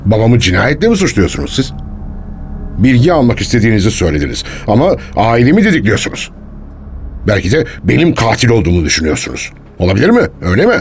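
An actor playing a defensive male archaeologist under police questioning, guarded and quick to take offence, in a radio drama. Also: fairly low pitch, sing-song, slight background noise. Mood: indignant. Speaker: suspect being questioned.

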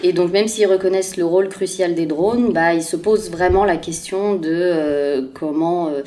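A woman's voice: on the low side, normal speed, dark tone. A woman co-hosting a casual news podcast, talking with frequent hesitations and fillers. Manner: hesitant, many fillers, self-deprecating. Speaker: podcast co-host presenting news.

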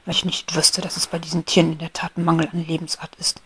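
A woman's voice: low-pitched, normal speed. A woman voicing a prim, grumpy but polite male rose beetle in a whispered storybook role-play, formal in tone. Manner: formal, indignant scolding.

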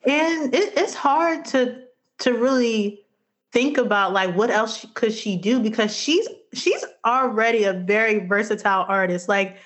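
A woman co-hosting a casual music chat, chatty and quick to laugh, acting out what others said. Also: a little high. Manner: chatty, laughs often, acts out quotes. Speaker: podcast co-host.

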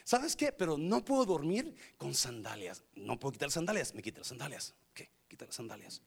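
A man's voice: fairly high pitch, big pitch swings, fairly quick, vocal fry, breathy edge, full character voice. A preacher acting out a sleepy, easygoing apostle in jail who yawns and asks the guards to take off his sandals. He plays it in a raised, drowsy voice. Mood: sleepy, carefree.

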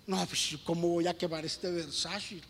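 A man's voice: fairly high pitch, little pitch movement, measured pace, a bit bright, long reverb tail, slight background noise, voice pushed down. A man voicing a greedy man who mutters to himself over loot he will not give up.

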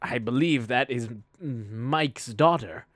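A man playing in a tabletop game, speaking in an unsure, halting way with stammers. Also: mid-range voice, fairly bright tone, no echo, clean studio sound. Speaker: player. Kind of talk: casual tabletop play.

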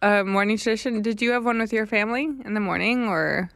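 A young woman co-hosting a casual chat with her husband, curious and quick to ask questions. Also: medium pitch, a bit bright, no echo, clean studio sound. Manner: curious, asks many questions, laughs easily. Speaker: podcast co-host.

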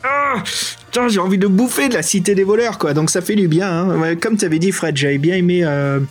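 Man, French accent, podcast co-host, excitable and slangy, raised pitch, faint music behind. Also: brisk. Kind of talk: casual chat.

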